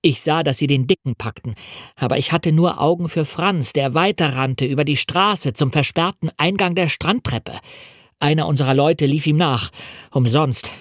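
A man reading a novel aloud as an audiobook in a measured, dramatic first-person storytelling manner, in a studio. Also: on the high side, no room sound. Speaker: audiobook reader. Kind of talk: scripted audiobook narration.

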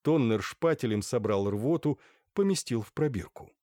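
A man narrating a period novel in an expressive storytelling manner, close to the mic. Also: mid-range voice, moderate pace, dry recording. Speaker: audiobook narrator. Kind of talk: scripted narration.

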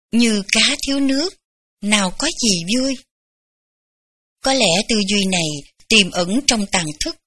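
A woman reading a memoir aloud in gentle, unhurried storytelling. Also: mid-range voice, breathy edge. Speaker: audiobook reader.

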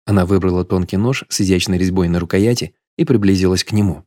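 A man narrating an audiobook in a steady, measured storytelling manner. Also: sits low, no echo, clean studio sound.

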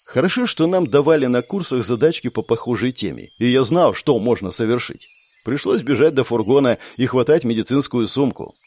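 Male audiobook narrator, animated delivery, dry close-miked read. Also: mid-range voice, no echo. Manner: lively storytelling, voices the characters. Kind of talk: scripted narration.

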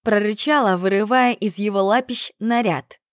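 A young woman narrating a story in the first person, turning quick and high when the sharp-tongued heroine speaks. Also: no echo, clean studio sound. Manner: lively, steps up in pitch for the sharp-tongued heroine. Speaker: audiobook narrator.

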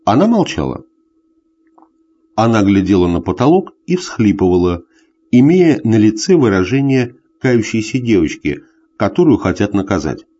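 A man reads a short story aloud with a dark, mellow, slightly husky voice. His pitch rises and falls freely with the story, and the recording sounds dull and lo-fi. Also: moderate pace. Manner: expressive literary storytelling. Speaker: audiobook reader. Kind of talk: scripted narration.

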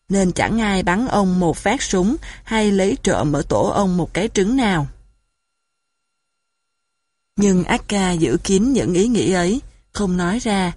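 A woman reading a children's storybook aloud in a calm, even narration. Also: medium pitch, husky, no room sound. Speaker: audiobook narrator.

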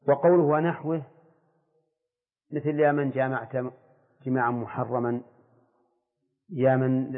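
An older man, a sheikh teaching a jurisprudence class, who explains slowly and keeps putting questions to his students. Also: medium pitch, slightly rough. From Saudi Arabia. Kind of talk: classroom lecture on fiqh. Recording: tinny, echoey old lecture tape.

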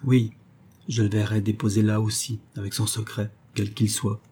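A man voicing a young melancholy heir of an old castle in a storybook reading, speaking in a pensive, low-voiced way. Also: completely flat delivery, moderate pace, mellow, breathy edge.

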